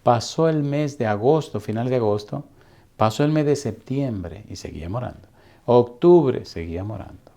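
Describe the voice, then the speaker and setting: A middle-aged male pastor telling a story in a sermon, speaking slowly and deliberately with dramatic pauses. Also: mid-range voice, expressive, vocal fry, warm tone.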